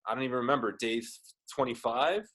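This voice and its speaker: A man's voice: medium pitch, fast talker, a crowd in the background. A man hosting a podcast over a video call, upbeat and joking, with lots of fillers. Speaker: podcast host. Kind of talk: casual chat.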